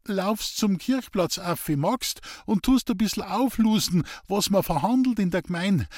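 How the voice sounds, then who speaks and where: A man's voice: high-pitched, expressive, unhurried, no room sound, studio quality, voice pushed up. A man voicing Hans Peter, an anxious, sickly young farmhand, pleading in a dialect.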